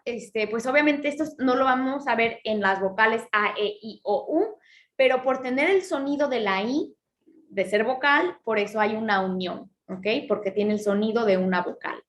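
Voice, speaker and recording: A woman teaching Spanish literature, explaining step by step, checking in with her students often, and reading verse slowly when she counts syllables. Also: on the high side, lively intonation, a little hiss or hum. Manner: reads verse lines slowly, drawing out syllables. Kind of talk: lesson on poetry.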